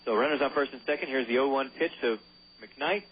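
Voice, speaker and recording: A man's voice: medium pitch, a little fast, husky. A man calling baseball play-by-play on local radio, loose and joking, sometimes stumbling over player names. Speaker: play-by-play announcer. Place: ballpark broadcast booth. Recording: phone-line quality with faint hiss.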